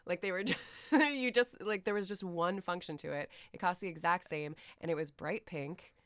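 A low, bright American woman in her thirties talks candidly on a podcast, wandering through her thoughts with self-mocking asides and easy laughter. Her voice is crisp and clean, recorded dry and close. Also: moderate pace, no echo. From United States. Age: 30s. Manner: rambling, self-deprecating, laughs often. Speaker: podcast guest. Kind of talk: casual podcast chat.

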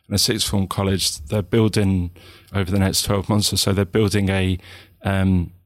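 An interview guest from England with a southern English accent talks reflectively, full of pauses, restarts, and "you know"s. His voice is low and level in tone, with no echo.

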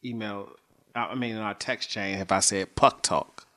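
A man's voice: fairly low pitch, steady tone, moderate pace, pushed and bright. A man co-hosting a casual sports podcast in an easygoing, upbeat way. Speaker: podcast co-host.

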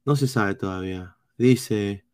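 A man with a Peruvian accent doing live football analysis, reading chat comments in a blunt, swearing style with halting restarts. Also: fairly low pitch, clean tone. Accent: Peruvian Spanish. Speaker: football streamer.

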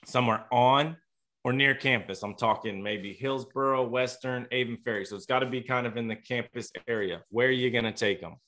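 A man's voice: mid-range voice, a little fast, sharp tone. A man hosting a casual interview podcast, laid-back and reassuring, often restarting his sentences. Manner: easygoing, reassuring, stumbles over words. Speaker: podcast host. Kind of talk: casual interview, reads a sponsor ad.

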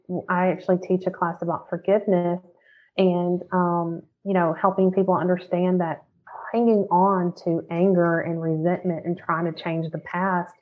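A woman talking earnestly and candidly on a podcast, teaching about forgiveness and swearing casually. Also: on the low side. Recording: tinny phone-like audio.

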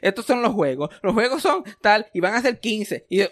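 High-voiced sarcastic man. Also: normal speed, dry recording. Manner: sarcastic, animated storytelling with English words mixed in. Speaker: podcast co-host. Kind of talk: casual chat.

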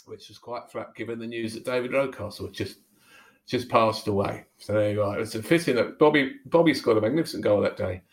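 A man's voice: fairly low pitch, brisk. A man hosting a casual football podcast, reading out listener emails and breaking into terrace chants. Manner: animated, bursts into football chants. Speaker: podcast host.

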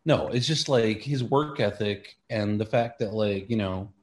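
Male interview guest, lowish voice, loose and wry conversational delivery. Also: measured pace, a little mellow. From Queens, New York City. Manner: rambling, wry, peppered with like and you know. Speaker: stand-up comedian guest.

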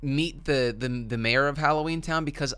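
Podcast dude, clear smooth voice, rambly with lots of ums and likes. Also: male voice, fairly high pitch, moderate pace, bright, forceful tone, no echo. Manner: rambling, full of fillers and asides. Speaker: podcast co-host. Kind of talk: casual movie podcast chat.

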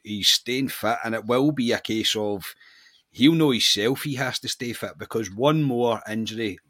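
A Scottish man co-hosting a casual football podcast, talking in a thoughtful, measured way. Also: mid-range voice, a bit bright, no echo, clean studio sound. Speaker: podcast co-host.

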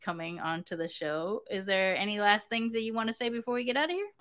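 A woman's voice: mid-range voice, fast, fairly bright tone. A woman hosting a podcast interview, chatting casually and laughing often. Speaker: podcast host.

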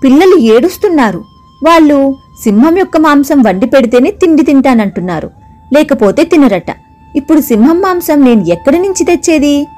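A crafty wolf mother from a storybook, shrill and loud as she scolds, put on by a woman narrator. Her voice sits high and swoops widely. Soft music plays faintly behind her. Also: lively intonation, moderate pace. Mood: complaining. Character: clever scheming female wolf mother.

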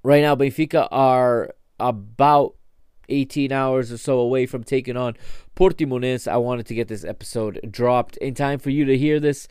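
A man hosts a solo sports podcast in a clean, smooth voice. His pitch sits in the middle of the male range, and the sound is dry and close, with little room to it. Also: fairly even intonation, normal speed, darkish tone, no room sound. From United States. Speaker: podcast host.

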